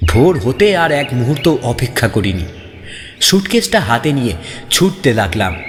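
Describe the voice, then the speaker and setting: A male narrator reads a scripted ghost story in a dramatic, suspenseful, theatrical way. His medium-pitched voice is sing-song at a normal speed, with long reverb and background music.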